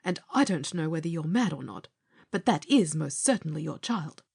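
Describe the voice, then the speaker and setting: An indignant nurse from a storybook, as a man plays her, severe and full of scorn. Her voice is husky and lifted in pitch, recorded very dry. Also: expressive, moderate pace, no room sound, exaggerated voice. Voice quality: hushed, husky.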